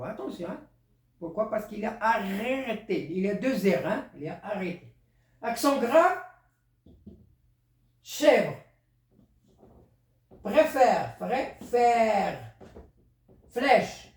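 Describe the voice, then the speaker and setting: A teacher explaining a French spelling lesson, slow, repetitive and patient. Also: mid-range voice, darkish tone. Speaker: primary school teacher. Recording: roomy, distant from the mic.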